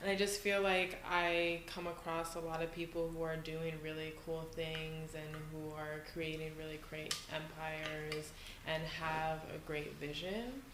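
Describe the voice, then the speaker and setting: A woman's voice: low voice, level tone, a little slow, few pauses, noisy background. A woman from New York hosting a casual podcast interview in someone's living room, chatty and full of fillers. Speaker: podcast host. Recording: echoey room.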